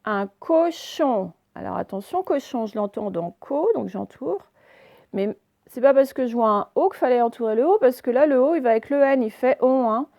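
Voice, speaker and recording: A woman teacher giving a recorded phonics lesson for young children, saying words slowly and over-articulating them, with repetitions and fillers. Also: a little high, animated, vocal fry, warm tone. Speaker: primary school teacher.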